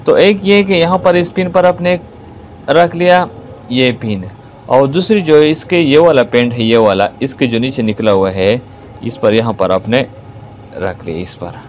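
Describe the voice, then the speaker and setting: A man's voice: mid-range voice, a little slow, a little mellow, a little hiss or hum. A man with a Pakistani Urdu accent giving a hands-on repair tutorial, explaining each step and repeating key words as he works. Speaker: repair technician.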